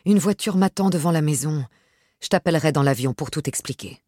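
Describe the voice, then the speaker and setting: A woman voicing a young man engaged to be married, apologetic and in a hurry, in her own low husky voice. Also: brisk, warm tone, no room sound, clean studio sound.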